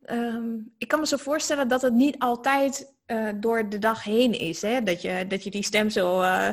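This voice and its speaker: Husky, gentle-voiced woman host. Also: fairly high pitch, steady tone, normal speed. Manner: gentle, affirming questioner. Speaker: podcast host. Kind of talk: interviewing.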